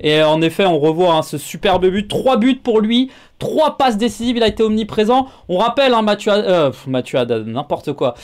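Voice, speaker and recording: A man's voice: sits high, very animated, brisk, hardly any pauses, a little mellow. A man hosting a sports show, chatting casually with many filler sounds and asking his guest questions. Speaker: show host.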